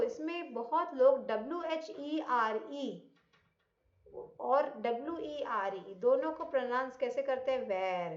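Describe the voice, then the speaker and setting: A woman teaching English grammar with an Indian accent. She explains in Hindi, reads English examples slowly, and asks the class questions that she answers herself. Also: fairly high pitch. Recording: echoey, dull lo-fi room sound.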